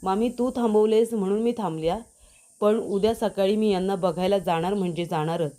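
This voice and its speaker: A woman's voice: medium pitch, normal speed, mellow, lightly acted. A woman voicing a worried but determined young wife in a retold TV drama. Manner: earnest, firm.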